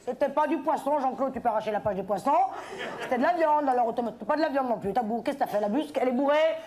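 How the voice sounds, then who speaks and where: Exasperated high-voiced woman comedian on stage. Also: very fast. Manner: exasperated, bossy rant, sometimes shouting. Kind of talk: stand-up sketch performance. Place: TV studio stage with audience. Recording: archive TV stage recording with audience laughter. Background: audience laughter.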